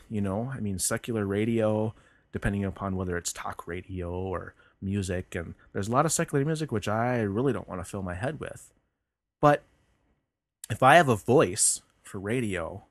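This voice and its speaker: A man with a fairly low voice hosts a podcast, reflecting earnestly on faith with frequent restarts and fillers. The recording is dry, with no room sound.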